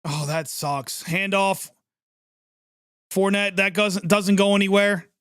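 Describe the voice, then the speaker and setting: Excitable high-voiced man calling plays. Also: clean tone, no echo, studio quality. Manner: excitable, chatty, quick to laugh and react to plays. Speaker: livestream sports reaction host. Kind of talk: live play-by-play reaction commentary.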